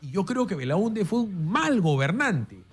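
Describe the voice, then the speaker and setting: A Peruvian man, an interview guest, telling stories in an emphatic, animated way about politics. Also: sits high, a little slow, breathy edge, soft background music. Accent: Peruvian Spanish. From Peru. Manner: emphatic, storytelling.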